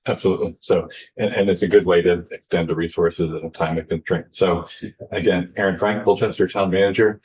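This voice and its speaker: A middle-aged man speaks in a very low, level voice, giving steady testimony to a legislative committee. He keeps a matter-of-fact tone and drops in a few "uh" fillers. The audio sounds a bit muffled and dull. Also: fairly quick. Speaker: town manager testifying. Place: legislative hearing room.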